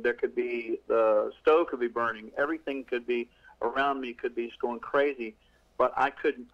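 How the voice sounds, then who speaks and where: A middle-aged male author appears as an interview guest, chatting casually and rambling with lots of restarts and fillers. His voice is mid-range, and the recording's high frequencies are cut off.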